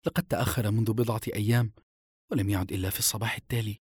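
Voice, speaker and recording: A man's voice: fairly low pitch, fairly even intonation, racing, a little mellow, breathy edge, dry recording, clean studio sound. A man voicing an anxious, fearful grown daughter in an audiobook. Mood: soothing. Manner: soothing, fearful.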